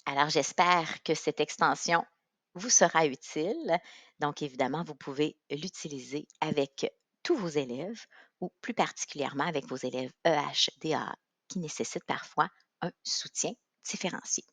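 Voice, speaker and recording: A woman with a Quebec French accent narrating a step-by-step software tutorial in an instructional way. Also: low voice, moderate pace, no room sound. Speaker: tutorial presenter.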